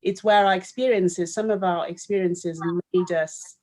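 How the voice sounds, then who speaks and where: A woman's voice: fairly low pitch, fairly even intonation, moderate pace, darkish tone. Thoughtful woman historian, raised. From Cameroon, raised in Paris. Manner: thoughtful, searching for words with fillers. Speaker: historian and author. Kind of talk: conversational discussion.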